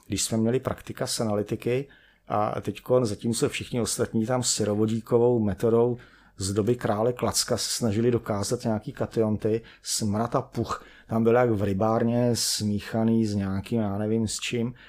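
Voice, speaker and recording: Middle-aged chemist guy, low husky voice, rambling self-deprecating stories with lots of ums. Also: little pitch movement, a little mellow. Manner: rambling, self-deprecating anecdotes with many fillers. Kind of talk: conversational storytelling.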